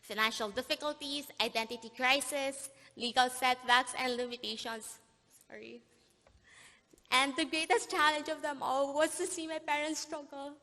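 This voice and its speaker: A bright young woman, born in Korea and raised in the Philippines, gives a commencement speech in a large convention plenary hall with long reverb. Her voice is high and steady in tone, and she speaks earnestly and emotionally, pausing and apologizing as she chokes up.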